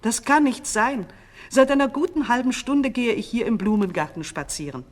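A woman's voice: fairly high pitch, animated, normal speed, pitched above the performer's own voice. A woman voicing a dignified young queen in an earnest, pleading manner for a storybook reading. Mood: puzzled.

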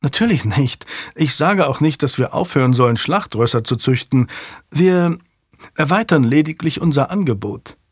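A man's voice: on the high side, animated, normal speed, slightly rough, no echo. A man voicing an earnest, slightly unsure young male lord, hesitant and friendly, read dry and close. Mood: eager.

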